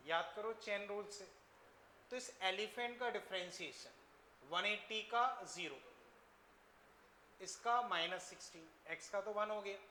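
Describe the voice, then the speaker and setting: A man teaching a physics class, often stopping to ask his students if the steps are clear. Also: sits high, bright, forceful tone. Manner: addresses students as children, asks frequent checking questions. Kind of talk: classroom lecture. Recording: echoey classroom, faint noise.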